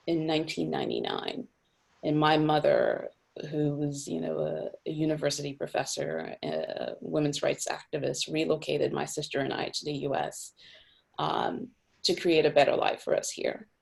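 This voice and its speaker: Low gravelly woman on a video call. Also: expressive, moderate pace, a little mellow. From Cameroon. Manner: thoughtful, many fillers and restarts. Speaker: executive director of a housing nonprofit.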